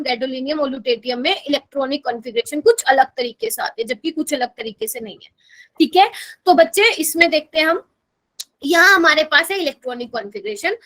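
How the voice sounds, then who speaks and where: A woman with a high voice teaches a chemistry lesson online. She speaks with a Hindi accent. She walks through each step and keeps asking her students whether they are following. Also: fairly bright tone. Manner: explains step by step, asks students to confirm with "okay?". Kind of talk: online class lecture.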